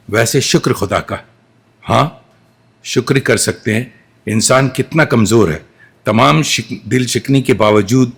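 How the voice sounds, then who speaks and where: A man's voice: medium pitch, slightly rough. A man playing a devoted, anxious young mother. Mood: weary reflective. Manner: emotional, tender monologue that shifts to pleading. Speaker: solo stage actor. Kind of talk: solo stage monologue. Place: restaurant event hall in Doha, live performance.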